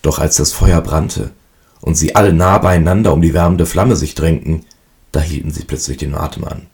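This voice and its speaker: A man reading a fairy tale aloud in a calm, even storytelling manner. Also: extremely low pitch, normal speed, gravelly.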